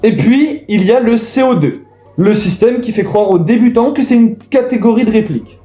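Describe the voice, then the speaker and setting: Man, high mellow voice, casual explainer, echoey room, faint music. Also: normal speed. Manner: casual, addresses viewers directly. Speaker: video host. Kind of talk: explanatory voice-over.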